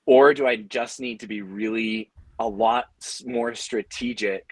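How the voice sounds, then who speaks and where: Speaking on a panel, this audio drama company head describes his approach to leading his team, earnest yet conversational. He has a lowish, steady voice and an unhurried pace, captured in a dry recording.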